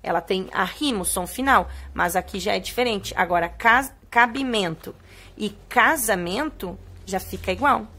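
A young adult woman with a Brazilian Portuguese accent teaches young children, reading a poem line by line. She draws out the key words slowly in a sing-song way to get them to read along. Her voice sits at an ordinary middle pitch. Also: sharp tone.

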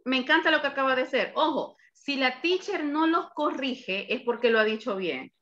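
A woman teaching an English class over a video call, modeling words slowly and carefully. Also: high voice, animated, a bit bright, highs cut off.

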